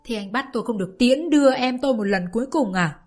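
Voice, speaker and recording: A woman's voice: a little high, lively intonation, quick pace, darkish tone, faint music behind. Grieving young man, pleading hard, voice pushed up; a woman narrator acts him. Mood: anguished. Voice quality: pleading, anguished.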